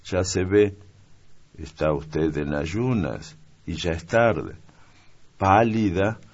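A refined, moody young noblewoman speaks in a lifted, gravelly voice, as a male audiobook reader puts her on. She talks slowly and with care. The recording sounds dull and lo-fi. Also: deep voice, lively intonation, darkish tone, pitched above the performer's own voice, heavily acted.

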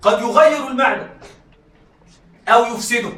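High, bright male lecturer in an echoey room. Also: moderate pace. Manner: repeats points and checks students follow. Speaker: teacher of Arabic rhetoric. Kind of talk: classroom lecture. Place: classroom with students. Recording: echoey room, mic far off.

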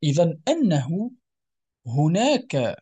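A man's voice: on the high side, big pitch swings, slow pace, mellow, husky, no room sound. A man teaching a lesson on Quran recitation rules, explaining patiently, repeating himself and correcting his own slips. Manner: patient and repetitive, often correcting himself mid-word; asks the listeners questions, then answers them himself.

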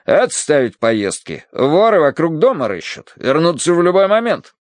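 A man doing a gruff barking old colonel. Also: on the high side, very animated, normal speed, no echo, studio quality, pitched above the performer's own voice. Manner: barking, grumbling.

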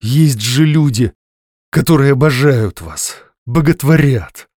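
A man reading a novel aloud, voicing a brooding, jealous male clerk in a gruff, curt tone. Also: medium pitch, slow, darkish tone, no echo, clean studio sound. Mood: low intense.

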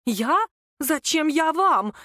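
Woman doing a scared secretary, shaky stammering voice, pitched way up, lively. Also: a little fast, no echo, studio quality. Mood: frightened. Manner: trembling, stammering, pleading. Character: frightened female secretary, stammering.

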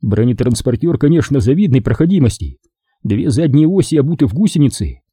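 A man reading a story aloud as an audiobook narrator, with expressive storytelling delivery. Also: medium pitch, brisk, husky, no room sound, studio quality. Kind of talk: scripted narration.

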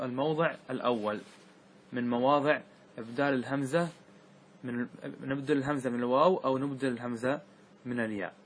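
A man, a sheikh, teaching a class on Arabic grammar, reciting verse slowly and checking whether students follow. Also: medium pitch, a little hiss or hum. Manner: asks students rhetorical checks like "clear?". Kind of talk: classroom lesson explaining verse.

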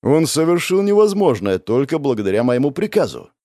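A man narrates a first-person fantasy audiobook with dramatic expression. His voice is of middling pitch, but it rises and falls a great deal. The recording is dry and close, with no room sound. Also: big pitch swings, brisk, mellow, no echo.

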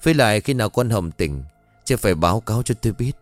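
A man's voice: lowish voice, lively intonation, fast, no room sound, faint music behind, lightly acted. A man doing an anxious, fretful middle-aged mother. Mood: weary, tired. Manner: pleading, fretful.

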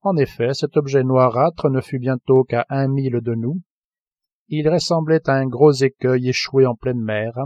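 Steady man reading a novel aloud. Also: medium pitch, a little slow, no room sound, highs cut off. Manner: steady, even literary reading. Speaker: audiobook reader. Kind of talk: scripted narration.

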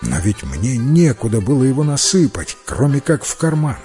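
A man's voice: medium pitch, sing-song, moderate pace, mellow, soft background music, natural voice. A man voicing a greedy young fellow who longs for more gold. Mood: greedy longing. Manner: eager, longing.

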